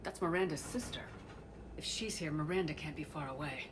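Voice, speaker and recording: A woman's voice: low-pitched, fairly quick, background noise, close to an everyday voice. An actress playing a resolute female military commander in a video game, with clipped, commanding delivery. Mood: determined.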